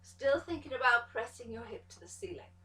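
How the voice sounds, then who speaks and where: A woman pilates instructor giving calm step-by-step cues to an exercise class, encouraging as she goes. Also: a little high, fairly quick, far from the mic. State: out of breath at times. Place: pilates studio room. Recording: echoey studio room, voice from off the mic.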